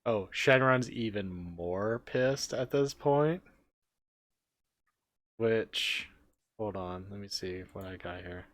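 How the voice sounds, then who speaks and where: A man's voice: fairly low pitch, takes it slowly, long pauses, a bit bright, no echo. A young man narrating his character's actions in a tabletop game, laughing often. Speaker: player.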